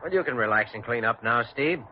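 An actor playing a composed, good-natured doctor in an old radio drama. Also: male voice, mid-range voice, lively intonation, fast talker, natural voice. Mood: calm, assured. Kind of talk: 1940s radio drama acting. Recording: muffled, hissy old radio recording.

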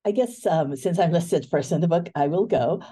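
Dark-voiced woman from Hawaii. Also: lowish voice, expressive, normal speed, husky. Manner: thoughtful, many fillers and restarts. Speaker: guest, book editor. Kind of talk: casual interview talk.

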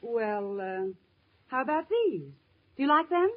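A woman's voice: high-pitched, big pitch swings, unhurried, exaggerated voice. An actress playing a businesslike female shop clerk with formal customer-service patter in an old radio sitcom. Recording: thin, phone-like old radio recording.

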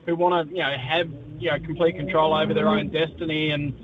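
A man's voice: little pitch movement, fairly quick. An Australian man chatting as a sports correspondent in a live radio interview, discursive and colloquial. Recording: muffled, low-fi line with faint noise.

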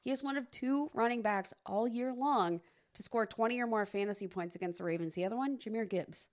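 A woman's voice: a little high, fairly quick. A woman co-hosting a casual sports podcast, talking emphatically and teasing her co-host, with many fillers.

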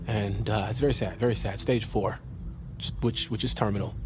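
Actor as glib, rambling slacker. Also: male voice, fairly low pitch, moderate pace, background noise, close to an everyday voice. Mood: feigned sorrow. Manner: stammering, rambling, deadpan. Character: glib, evasive young male slacker dodging debts. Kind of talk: comedy film acting.

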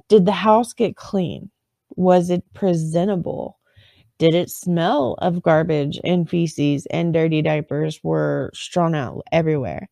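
Low, gravelly woman telling true crime. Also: dark tone, no echo, clean studio sound. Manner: conversational, self-correcting, wry asides.

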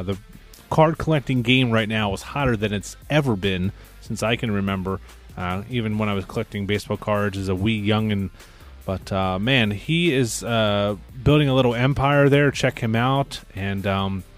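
Man, podcast host, casual and upbeat, lots of ums and uhs, studio mic, faint background music. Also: fairly low pitch. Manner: chatty and upbeat, many filler words.

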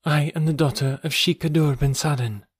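A man reading aloud puts on a daring young woman, daughter of a desert chieftain. She speaks in a lifted, softened tone, hushed and earnest. Beneath it her pride shows. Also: fairly high pitch, steady tone, moderate pace, breathy edge, no echo, clean studio sound, pitched above the performer's own voice. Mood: proud.

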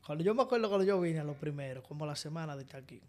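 A man's voice: fairly high pitch, racing. A man with a Dominican Spanish accent telling funny stories in a casual chat, laughing as he goes. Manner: animated, laughs through his stories. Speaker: podcast co-host. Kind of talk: casual comic storytelling.

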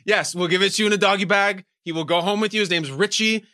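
A male podcast game show host runs a quiz with high-energy, emphatic, mock-dramatic showman banter. His high, sharp voice moves quickly with fairly even intonation, and there's slight background noise.

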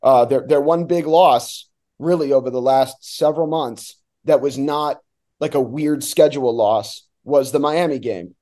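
With an unhurried, mellow delivery at medium pitch, a New Jersey radio play-by-play announcer breaks down sports casually as a guest. He tends to restart words as he reasons out loud.

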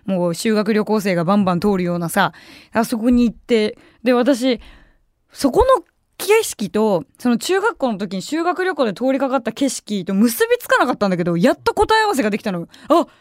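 A woman's voice: fairly high pitch, very animated, fairly quick, no echo, studio quality. A young woman hosting a radio show, telling a story in a casual, chatty way and acting out the voices of people she quotes. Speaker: radio personality. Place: radio studio.

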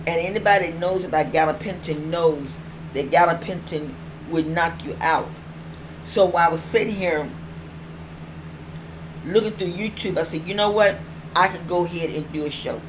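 A woman's voice: on the low side, normal speed. A middle-aged woman with toothless, slightly slurred speech, chatting casually and ramblingly as she hosts her own online show, often repeating phrases for emphasis. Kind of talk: casual vlog chat. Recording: clearly noisy home recording.

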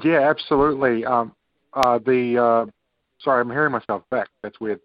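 A man's voice: medium pitch, moderate pace. A male sports journalist calling in to a radio show over a phone line with echo, speaking hesitantly with fillers. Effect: phone line echo, hearing his own voice fed back. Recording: dull lo-fi phone line, distant.

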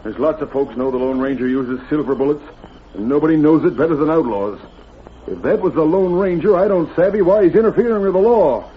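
A man's voice: on the high side, fairly quick, lightly acted. Radio western lawman played by a man, firm, folksy American drawl, muffled and noisy old recording. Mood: puzzled. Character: firm but fair, patient frontier sheriff.

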